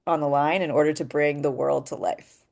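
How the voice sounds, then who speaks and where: A woman's voice: low-pitched, fairly even intonation, normal speed, creaky, darkish tone. A woman teaching voice acting in a casual spoken lesson, explaining her ideas step by step and often asking "right?". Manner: explanatory and thoughtful, with frequent "um" and "right?".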